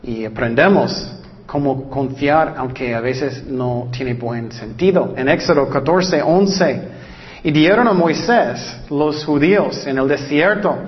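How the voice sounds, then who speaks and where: A woman preaching a sermon in an earnest manner, slowing down to read scripture verses aloud. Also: a bass voice, highs cut off.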